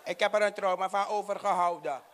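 Male stand-up comic, Surinamese Dutch accent, high bright voice, lively delivery that jumps to shouts. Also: brisk, slight background noise. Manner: animated, acts out voices, shouts punchlines. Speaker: stand-up comedian. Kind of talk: stand-up comedy.

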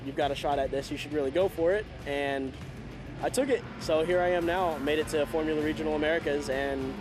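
Speaking a little fast in a voice on the high side, this male race driver in his twenties answers interview questions with upbeat enthusiasm. He's outdoors in a race paddock garage, and a loud music bed plays beneath his voice.

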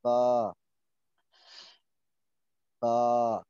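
A man with a warm, resonant voice sounds each letter very slowly after his teacher. The audio is dry and a little dull, like a call line. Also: mid-range voice, little pitch movement, smooth, no echo. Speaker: student.

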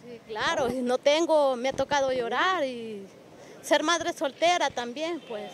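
A young woman answering a reporter outdoors in a halting, resigned way. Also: high-pitched. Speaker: interviewee. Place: outdoors in a park. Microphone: handheld mic.

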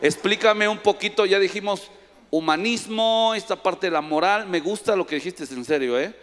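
A male pastor preaching a lively sermon, teasing and calling on people in the congregation by name. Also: high voice, normal speed. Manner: playful, teasing, calls on audience by name. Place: large church hall. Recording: long echo of a church hall.

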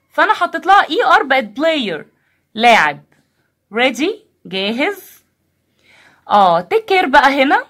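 An Egyptian woman teacher with a high, bright-pitched voice walks a class through English vocabulary. Her pitch leaps and swoops as she stretches each word out slowly and then answers her own questions. The delivery sounds patient and explanatory. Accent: Egyptian Arabic. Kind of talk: recorded vocabulary lesson, mixing English and Arabic.

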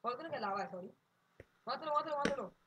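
A man's voice: extremely high pitch, expressive, rapid-fire, lo-fi sound. A man playing alongside the host, eagerly directing and urging him on in casual chat. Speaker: co-player. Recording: loud background noise.

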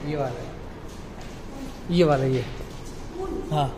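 A man's voice: medium pitch, takes it slowly. A young man in his twenties chatting casually to viewers while filming a vlog on a phone at arm's length. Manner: chatty, addresses viewers as friends. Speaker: vlogger. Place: apartment complex gym and game room, indoors and outdoors. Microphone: phone camera held at arm's length. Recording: noisy phone recording.

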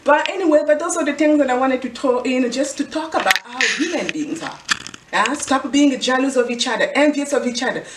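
A middle-aged Congolese woman from Central Africa, a fashion vlogger and clothing designer, gives an earnest, preachy motivational talk to camera, often repeating a rhetorical question in her Congolese accent. Her voice is high and fairly quick. The camera sits far off in an indoor room with a clothing rack, so the recording is echoey and very noisy.

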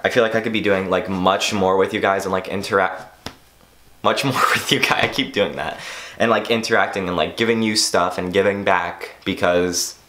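Rambling teen boy with a low voice. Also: fairly even intonation, moderate pace, pushed and bright. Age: teens. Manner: rambling, full of "like" fillers, self-mocking. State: losing his voice. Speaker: YouTuber. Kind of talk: casual vlog monologue.

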